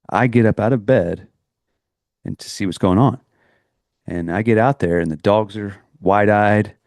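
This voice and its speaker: A man's voice: low voice, gravelly, darkish tone, dry recording, clean studio sound. A middle-aged man co-hosting a podcast, telling a personal story in a rambling, earnest way with many restarts. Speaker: podcast co-host. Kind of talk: casual chat, storytelling.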